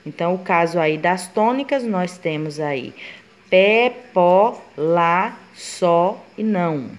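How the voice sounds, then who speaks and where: A woman teacher gives a grammar lesson, explaining step by step and voicing her students' questions. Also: lowish voice.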